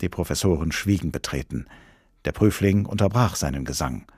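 A man's voice: low-pitched, fairly quick, breathy edge, no echo, clean studio sound. A man reading a humorous short story aloud on radio. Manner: expressive storytelling. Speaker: reader.

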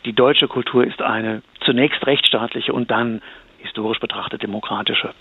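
A man's voice: mid-range voice, steady tone, moderate pace, a little hiss or hum. A male professor explaining, with some hesitation, as a radio interview guest. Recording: tinny phone line.

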